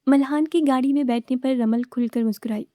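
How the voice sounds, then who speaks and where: A woman narrates a romance novel aloud, holding an even storytelling pace. Her voice is a little high but mellow in tone. The recording is dry and close, with no room sound. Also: fairly quick, no room sound. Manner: steady storytelling.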